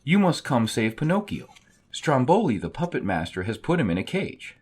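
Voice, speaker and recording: Storybook cricket, read by a man: tiny cautioning conscience, urgent, lifted pitch, animated. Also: moderate pace, breathy edge. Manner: urgent, admonishing. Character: small male cricket, cautioning, worried conscience.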